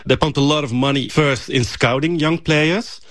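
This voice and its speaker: A man's voice: on the high side, normal speed, a bit bright, dry recording. A middle-aged man from Morocco, a journalist answering questions in a news interview, thoughtful and hesitant with many fillers.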